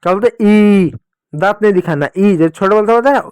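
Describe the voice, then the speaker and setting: A man teaching young children the Hindi vowel signs, stretching syllables slowly so they can repeat them and fondly calling them dear children. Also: high voice, clean tone, dry recording, studio quality.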